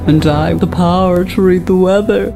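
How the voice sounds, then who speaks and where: A woman voicing a dour stepsister with a deadpan drawl. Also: lowish voice, moderate pace, over music, close to an everyday voice. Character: dour, slow-talking stepsister.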